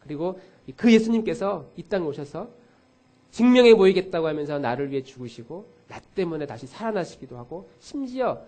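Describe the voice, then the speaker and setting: A man's voice: on the high side, fairly quick, hardly any pauses. A middle-aged male pastor preaching a sermon in a church, telling stories with acted-out quotes and speaking straight to his congregation. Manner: animated storytelling with acted quotes; addresses congregation directly. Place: church sanctuary.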